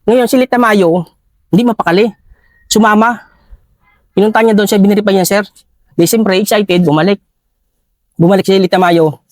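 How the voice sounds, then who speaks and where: Soldier guest, high-pitched and dry, respectful, peppers every line with "sir". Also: male voice, fairly even intonation, moderate pace, pauses often, dry recording. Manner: deferential, says "sir" after nearly every phrase. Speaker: soldier recounting a rescue operation. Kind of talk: military war story interview.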